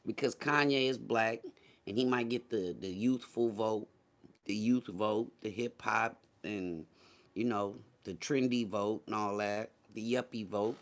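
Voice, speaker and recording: Hosting a livestream, this man speaks a little slowly in a lowish voice. His political commentary to the chat is casual, slangy and profane, and he leans on repeated phrases to drive points home.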